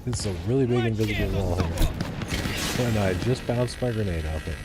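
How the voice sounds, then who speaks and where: A man's voice: lowish voice, brisk, over loud music. A man casually commenting on a game he is streaming, loose and chatty with some swearing. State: hiccups.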